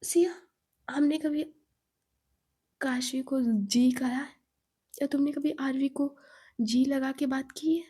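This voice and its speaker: A woman's voice: high voice, fairly even intonation, takes it slowly, long pauses, warm tone. A woman voicing a bold, blunt young woman friend who teases and scolds in a storytelling role voice. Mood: indignant. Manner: teasing, blunt, indignant.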